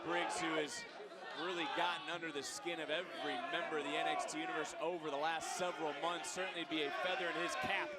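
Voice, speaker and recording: A man doing live wrestling commentary, calling the action as play-by-play in a dramatic, excited manner. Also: a little high, fast talker. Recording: loud arena crowd and noise. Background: roaring crowd in a wrestling arena.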